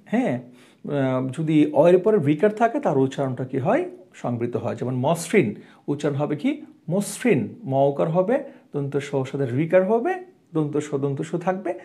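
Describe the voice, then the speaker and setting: A man tutoring grammar, asking questions and answering them himself, with drawn-out hesitations and repeated rules. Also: on the high side, warm tone. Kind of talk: classroom explanation.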